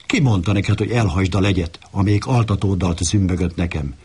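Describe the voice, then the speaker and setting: A man voicing a bossy, blustering male donkey in a read-aloud fable, with a husky voice and a scolding manner. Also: deep voice, a little mellow, slight background noise, natural voice. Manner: scolding, boastful.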